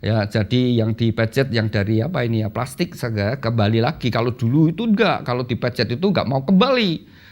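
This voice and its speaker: A man teaching a premarital class at church, speaking casually and often addressing listeners as brothers and sisters. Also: fairly quick. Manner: lively, addresses listeners as "saudara"; acts out quoted voices with sudden pitch jumps.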